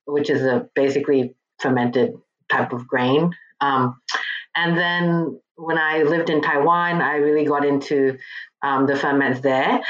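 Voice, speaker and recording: Woman, 40s, from Malaysia, casual interview guest, filler-heavy chat, dull recording. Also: a bass voice. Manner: chatty, many fillers, quick asides. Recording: dull lo-fi audio.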